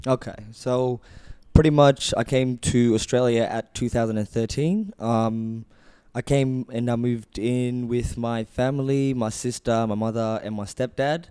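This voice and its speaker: A man's voice: mid-range voice, fairly even intonation, a little slow, mellow, smooth. A man in his twenties, originally from Ethiopia, earnestly and reflectively telling his own story as a clothing brand founder on a casual podcast. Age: 20s.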